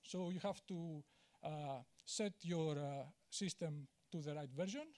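A man from Greece gives an unhurried conference talk on a large auditorium stage, his slightly high, darkish voice going through a handheld mic. Candid and self-deprecating, he fills his speech with fillers and restarts.

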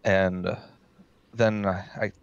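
A man earnestly telling his character's story in a tabletop game, a bit halting. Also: low-pitched, level tone, no echo. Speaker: player. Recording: dull lo-fi mic.

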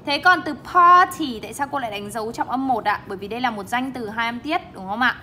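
A young woman English teacher with a bright, clear voice, speaking a little higher than most women. She explains word stress in a bilingual classroom style, leaning hard on stressed syllables as she models each word. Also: fast, slight background noise. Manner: emphatic, stresses syllables while modeling words.

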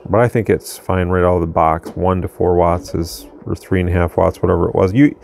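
Demonstrating a radio casually from his home radio room workbench, this reviewer talks fairly quickly in a low voice with vocal fry. He stays relaxed, thinking aloud and restarting now and then, over slight background noise.

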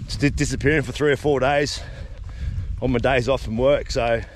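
A laid-back Australian man in his fifties, a solo outback camping vlogger, chats casually into an action camera while hiking across open grassy high plains. His medium-pitched voice is steady and a little fast as he rambles, tossing in "eh" and "yeah," with a bit of hiss or hum on the handheld or worn camera.

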